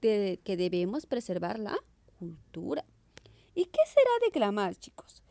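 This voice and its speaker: A woman's voice: medium pitch, a little slow, creaky, dry recording. A young woman teaching an online class, asking questions and answering them herself. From Peru. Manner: lively questioning, answers her own questions. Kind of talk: virtual class lesson.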